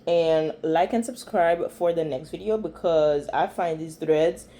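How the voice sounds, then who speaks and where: A woman with a Haitian accent reacts to online threads as a vlogger, giving blunt, opinionated commentary packed with fillers. Her voice is deep and mellow, and she speaks a little slowly.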